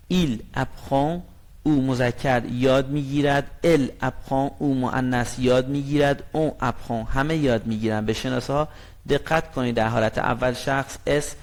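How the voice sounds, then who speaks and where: Slow, careful Persian-speaking man teaching. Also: mid-range voice, darkish tone. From Iran. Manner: reads example sentences very slowly and clearly, then explains. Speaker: language teacher. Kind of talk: lesson explanation.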